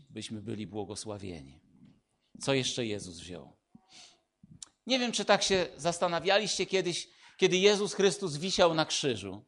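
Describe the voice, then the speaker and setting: A man preaching a sermon, swinging between loud declarations and hushed, intimate lines. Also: on the high side.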